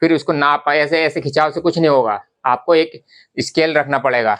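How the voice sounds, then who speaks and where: This man's voice sits on the high side, a bit bright, at a moderate pace. As a garment business vlogger, he gives an informal to-camera lesson on fabric quality, going over the same points again and calling his audience brothers in a conversational tone.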